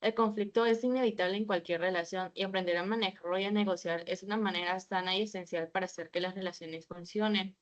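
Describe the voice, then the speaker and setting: A woman's voice: medium pitch, fairly even intonation, quick pace, few pauses, dull audio. A woman giving a class presentation, reading from slides with a few hesitant fillers. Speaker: student presenter.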